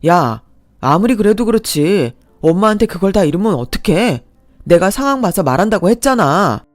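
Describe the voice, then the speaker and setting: A woman's voice: mid-range voice, sing-song, normal speed, dry recording, faint music behind, natural voice. A woman voicing an irritated young husband who argues defensively with his wife. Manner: annoyed, defensive.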